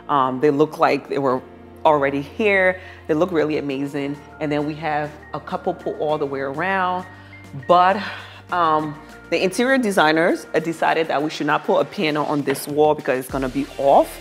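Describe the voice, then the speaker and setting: A woman giving a casual home makeover tour to viewers, gushing admiringly about the decor as she goes. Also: low-pitched. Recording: music behind the voice. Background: background music.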